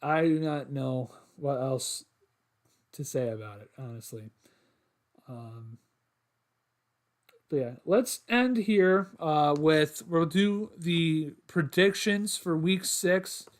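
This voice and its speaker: A young man hosting a casual solo sports podcast, rambling with lots of fillers, his voice getting hoarse after talking a long time. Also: a little high, slow pace. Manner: rambling, filler-heavy, restarts often.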